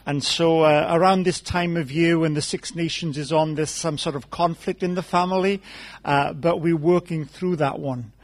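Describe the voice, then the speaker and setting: A man with a Welsh accent preaches in an easy, conversational way, telling stories with gentle humor. His voice sits a little high for a man. He talks to the congregation as a guest speaker. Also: fairly even intonation, moderate pace. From South Wales. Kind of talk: conversational sermon.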